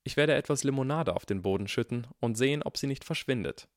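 A man voicing an eager, clever young schoolgirl who talks briskly in a storybook reading. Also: mid-range voice, no room sound, clean studio sound, voice pushed up, close to an everyday voice.

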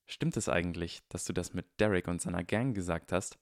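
A haughty young wizard boy with clipped, sneering lines, put on by a male reader. The voice sits low and close, with no room sound at all. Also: fairly quick, no echo.

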